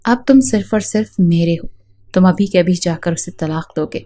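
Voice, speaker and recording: A woman's voice: on the low side, mellow, natural voice. A woman voicing a possessive, scheming young woman who makes demands. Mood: demanding.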